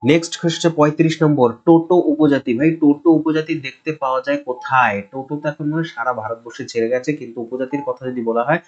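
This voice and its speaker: Male exam tutor, mid-pitched, chatty and repetitive, slightly muffled lo-fi sound. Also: steady tone, fast, hardly any pauses. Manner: conversational, repeats answers, tags "ঠিক আছে?" often. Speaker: exam coaching teacher. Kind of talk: casual online quiz lesson.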